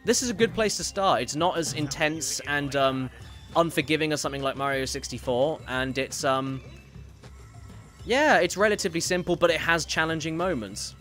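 A man's voice: on the high side, normal speed, a bit bright, faint music behind. A man streaming a video game, chatting casually and reading viewer messages aloud, rambling and correcting himself as he goes. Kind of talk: casual gameplay commentary.

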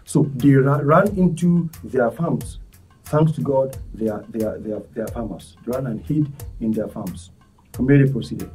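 A man, a charity volunteer speaking as a guest in earnest, halting talk full of restarts. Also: mid-range voice, darkish tone. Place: studio set. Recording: distant mic, faint music behind.

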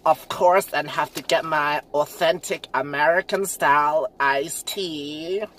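A man's voice: a little high, steady tone, slow, a bit bright, a little hiss or hum. A man from Canada hosting a casual eating vlog, chatty and giggly with cheeky jokes. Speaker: vlog host. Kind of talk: casual mukbang chat.

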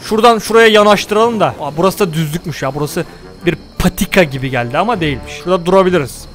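Fast-talking young man, joking game commentary. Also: high-pitched, soft background music. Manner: joking, exclaims and scolds the game loudly. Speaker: gaming YouTuber. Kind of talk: comedic let's-play commentary.

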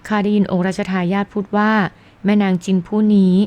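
A woman's voice: mid-range voice, little pitch movement, fairly quick, mellow, natural voice. A woman reading the part of a scornful male court physician in an audiobook. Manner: scornful, suspicious.

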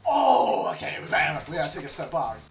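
A man's voice: on the high side, sing-song, fast, creaky, slight background noise. A man chatting as a teammate in a gaming session, wry and incredulous as he jokes about the opponents. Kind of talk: gaming banter in voice chat. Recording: roomy, distant mic.

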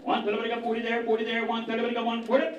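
A man auctioneering at a cake auction, rattling off bids in a rapid rhythmic chant. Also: extremely high pitch, completely flat delivery. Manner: rapid rhythmic bid calling. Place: large community hall with crowd. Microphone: handheld mic, heard from far. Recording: roomy distant lo-fi hall recording with crowd.

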